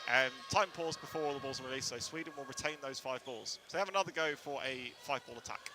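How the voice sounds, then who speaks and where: A man calls live play-by-play at an indoor court from the commentary box, speaking into a headset with a medium-pitched voice. He talks rapidly, often correcting himself, and his voice surges with excitement at big plays. Music plays in the background of the noisy hall, and ball bounces can be heard.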